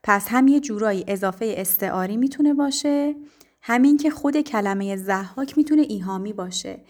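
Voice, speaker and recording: A woman teacher explaining poetry to her students, speaking patiently with frequent pauses and fillers. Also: fairly high pitch, darkish tone. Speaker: literature teacher.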